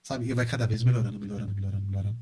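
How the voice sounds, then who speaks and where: A middle-aged man with a Brazilian Portuguese accent, a university professor and engineer who is a guest on a casual podcast interview. He talks in an animated way and repeats words for emphasis. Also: on the low side, racing.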